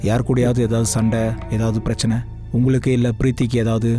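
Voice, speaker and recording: Brief: man voicing a calm, measured cop with a warm, dark voice. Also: mid-range voice, faint music behind, natural voice. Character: calm police officer questioning witnesses. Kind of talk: dubbed TV crime drama.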